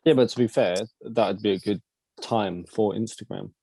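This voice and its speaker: A man's voice: fairly low pitch, normal speed, creaky, warm tone, slightly rough. A man in casual podcast chat, throwing in dry teasing remarks. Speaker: podcast co-host.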